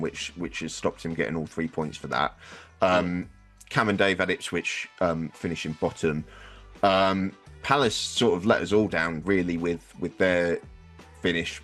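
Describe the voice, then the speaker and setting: The host of this sports podcast has a low voice with a fairly bright tone, and he explains how the football season went in an easygoing, wry manner, dropping some swear words along the way.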